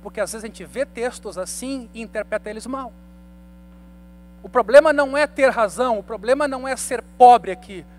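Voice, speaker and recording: A man's voice: very high voice, normal speed. A man in his thirties, a pastor giving a conversational Bible study sermon and asking the congregation rhetorical questions. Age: 30s.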